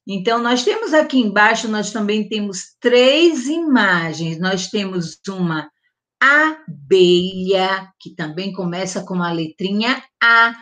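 Woman teacher for an early-literacy lesson, slow and patient, stretches vowels loudly, frequent little check-ins. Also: mid-range voice, animated. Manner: slow, drawn-out enunciation with diminutives and check-ins. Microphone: close mic, online class recording.

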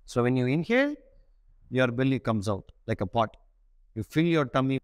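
A man in his forties teaches a breathing practice, explaining it in short, separated phrases. His pitch sits in the middle range for a man. The lapel microphone gives a very dry sound with little room in it. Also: expressive, normal speed, clean tone, dry recording. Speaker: breathing meditation instructor. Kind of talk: spoken instructional lesson to camera. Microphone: clip-on lapel mic.

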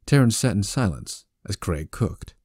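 A man's voice: lowish voice, expressive, measured pace, darkish tone, breathy edge, dry recording, studio quality. A man narrating an audiobook in a wry, conversational storytelling manner.

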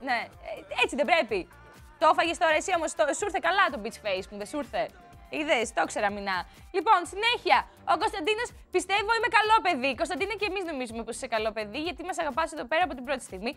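A young woman hosting a studio show, her voice high and bouncing all over the place as she teases viewers about their comments. She talks in a casual, playful way, with faint music under her. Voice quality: odd put-on voice today. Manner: playful, teasing, lively. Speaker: TV host reading viewer comments. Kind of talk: casual chatty TV presenting.

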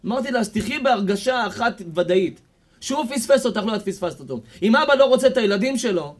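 A man, a rabbi with an Israeli accent, preaching a sermon and retelling stories, building up to near shouts. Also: very high voice, expressive. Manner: impassioned storytelling, rising to near shouts.

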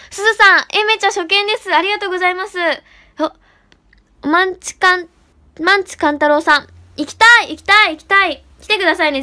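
A woman livestreaming as an idol, talking fast and bubbly while reading out and answering chat comments. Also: very high-pitched, pushed and bright. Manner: bubbly, often repeats "really".

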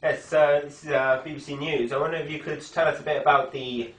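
A young adult man plays an earnest TV reporter in the style of a parody news anchor, politely interviewing someone in an indoor hospital ward. His fairly high voice is brisk and fairly bright with fairly even intonation and sounds natural. A distant camera microphone picks him up in an echoey room with slight background noise.

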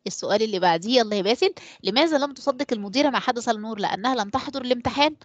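An Egyptian woman teaching an online class at a breakneck clip, her voice sitting a little high. She calls on pupils by name and pauses mid-sentence for them to fill in the word. The sound is close and dry. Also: lively intonation, no room sound, lo-fi sound. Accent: Egyptian Arabic. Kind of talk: online class quiz and explanation.

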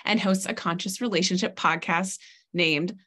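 A woman's voice: on the low side, normal speed. Enthusiastic woman podcast host. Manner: enthusiastic, warm interviewer with fillers. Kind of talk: casual interview hosting.

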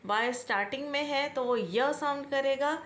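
A woman's voice: high-pitched, a bit bright. A woman with an Indian accent explaining English pronunciation rules to learners, patient and repetitive, often asking questions back. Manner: slow, patient, repeats key points and asks questions back. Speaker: English teacher. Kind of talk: classroom-style explanation.

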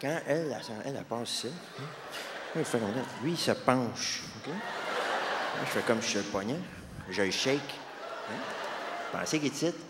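A man doing stand-up comedy with a Québécois French accent, delivering punchy deadpan one-liners. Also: medium pitch, moderate pace, long pauses, very noisy. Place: large theatre stage. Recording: long hall reverb, loud audience.

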